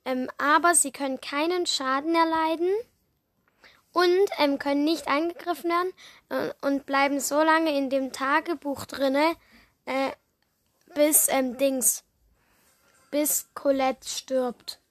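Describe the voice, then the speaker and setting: A woman's voice: sits high, steady tone, slow, fairly bright tone, dry recording, clean studio sound. A woman co-hosting a casual video, rambling through an explanation with many fillers. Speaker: co-host. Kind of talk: casual chat.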